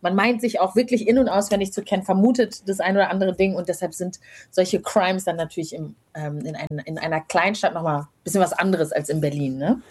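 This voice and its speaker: A woman's voice: on the low side, fairly even intonation, fairly quick, darkish tone, breathy edge. A woman from Rwanda in her thirties, a guest talking reflectively in a casual interview, with frequent fillers. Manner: reflective, many fillers and hedges.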